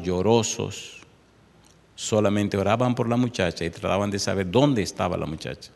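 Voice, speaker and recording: A man preaching a sermon, moving from an impassioned appeal into a softly told story with voiced quotes. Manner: impassioned, loud and high at the start, then softer storytelling with voiced quotes. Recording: long hall reverb.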